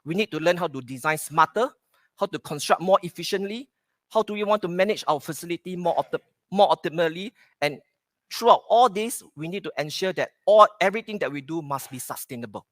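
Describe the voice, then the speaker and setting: A middle-aged man from Singapore with a Singaporean English accent, giving a keynote at a conference, pausing with "okay" between points. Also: fairly high pitch, animated, fairly bright tone, dry recording. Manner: plain, repeats "okay" to pace points. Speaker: conference speaker. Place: conference hall stage.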